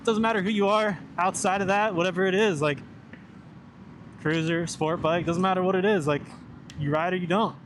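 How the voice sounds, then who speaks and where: Young guy motovlogging from inside his helmet, kinda higher voice, loose rambly chat, engine and road noise behind. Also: fairly even intonation, normal speed, a bit bright. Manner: talking inside a motorcycle helmet while riding; informal, meandering, mildly sweary. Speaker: motorcycle vlogger. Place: inside a helmet on a moving motorcycle outdoors.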